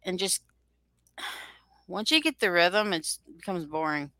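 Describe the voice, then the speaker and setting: A woman hosting a podcast talks in a casual, rambling way. Her voice sits a little low yet sounds bright and smooth. It is recorded close and dry, with no room sound. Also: sing-song, a little slow, dry recording, low-quality recording. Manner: chatty, rambling, loosely shaped sentences. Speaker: podcast host. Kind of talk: casual chat.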